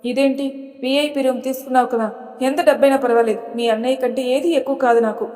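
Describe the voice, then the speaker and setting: A woman narrator voices a frightened young wife in an audio storybook, pleading and anxious. Her voice is fairly high. Long reverb follows each line. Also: steady tone, brisk, darkish tone, close to an everyday voice.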